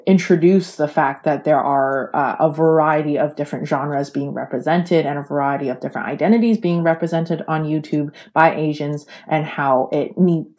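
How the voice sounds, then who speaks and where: A woman's voice: deep voice, a little mellow. A young adult woman who grew up in Canada, hosting an unscripted video essay and rambling with many fillers and restarts. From China, raised in Canada.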